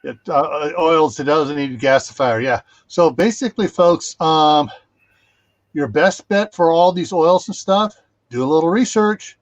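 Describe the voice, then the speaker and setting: A man's voice: on the high side, a little slow, no room sound. A man hosting a casual livestream, rambling with many fillers and restarts, speaking over a video call. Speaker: livestream host.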